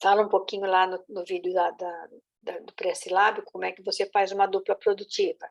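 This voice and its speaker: A woman's voice: mid-range voice, flat delivery, a little fast, vocal fry, muffled recording. A woman teacher patiently explaining how children learn to write, often checking in with her listeners. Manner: patient, with many "né?" and "tá?" check-ins. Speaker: literacy teacher.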